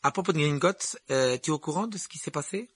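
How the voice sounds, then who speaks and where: A man voicing an eager, talkative young wizard boy who rambles excitedly. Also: fairly high pitch, quick pace, slightly rough, no echo, voice pushed up. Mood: chatty. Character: chatty eager red-haired wizard boy.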